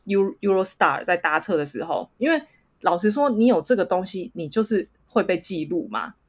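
A young woman with a Taiwanese Mandarin accent, co-hosting a podcast and telling a travel story in casual, animated chat. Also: on the low side, moderate pace, slightly rough. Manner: animated, laughs often while telling stories. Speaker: podcast co-host.

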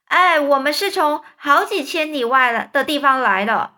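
A woman's voice: on the high side, animated, a little fast. A woman voicing a smug, boastful centipede in a children's story reading. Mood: gleeful boasting. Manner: boastful, loud, gleeful. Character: cocky grinning giant centipede, male.

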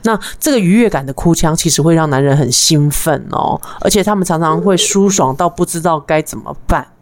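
A woman's voice: low voice, fairly quick. A woman, co-hosting a casual radio chat and giggling as she explains tips. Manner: giggly, demonstrates sounds playfully. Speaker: co-host teaching intimacy tips.

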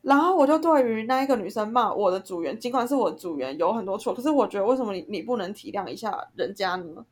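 A woman's voice: mid-range voice, fast, hardly any pauses. A young woman, co-hosting a casual chat and ranting heatedly about a group conflict. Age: young adult. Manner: heated, ranting, animated storytelling. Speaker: podcast co-host.

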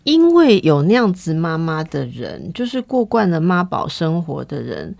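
A woman hosts a casual chat in a low, gravelly voice. Her pitch moves a lot as she asks probing questions and drops little "ha" tags. The sound is close and dry. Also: wildly swooping pitch, moderate pace, a little mellow, no room sound. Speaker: host.

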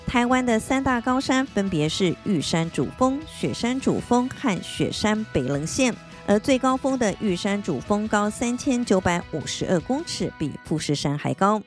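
A woman giving a scripted language lesson, repeating each word slowly and clearly for learners to practice. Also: medium pitch, lively intonation, faint music behind. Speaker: Japanese language teacher.

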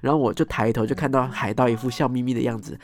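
A man telling a story as host, animated, acting out scenes and ending phrases with soft tag particles. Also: mid-range voice, fast talker, no room sound, clean studio sound. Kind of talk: casual storytelling monologue.

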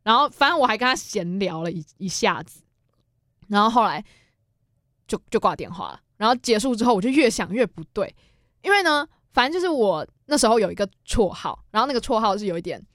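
Fast, lively Taiwanese woman podcaster. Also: medium pitch, no room sound, clean studio sound. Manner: lively storytelling, acts out phone calls, frequent laughter. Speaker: podcast co-host. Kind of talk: casual chat.

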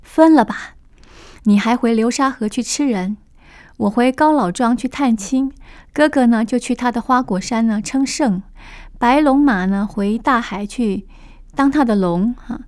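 A loud, bumbling pig monk, as a woman storyteller puts him on, high and forceful as he blurts out his lines. The voice is pitched up and dry, in the manner of a radio story reading. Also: unhurried, no echo, natural voice. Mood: panicky. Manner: bumbling, shouting in alarm. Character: greedy dim-witted male pig monk, loud.

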